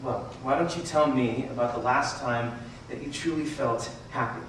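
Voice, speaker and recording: Guy playing a smooth shrink, coaxing questions, boomy far off theater tape w band. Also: moderate pace, a bit bright, slight background noise, lightly acted. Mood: calm probing. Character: calm smooth male psychiatrist. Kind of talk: stage musical acting. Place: large theater stage. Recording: distant echoey theater bootleg, live band.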